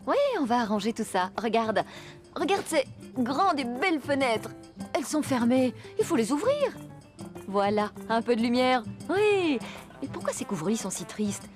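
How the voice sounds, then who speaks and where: A woman's voice: on the high side, big pitch swings, normal speed, over music. An actress in a French telenovela dub playing a young woman who talks tenderly and coaxingly to her baby. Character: young woman, gentle and affectionate. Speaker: young mother caring for a baby.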